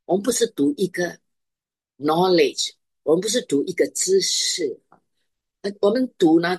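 A woman's voice: sits low, slightly rough, no echo. A middle-aged woman preaching a sermon, stressing her points by repeating phrases.

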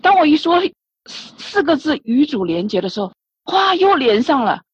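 Very animated and high-voiced, a church member speaks at normal speed while giving an emotional personal testimony of faith. As she retells her prayers, her words repeat and she restarts frequently. The dull, dry lo-fi recording carries no room sound.

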